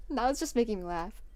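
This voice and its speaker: A young woman streamer chatting casually to her viewers, bubbly and excitable, often breaking into giggles. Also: on the high side, a little hiss or hum. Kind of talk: casual livestream chat.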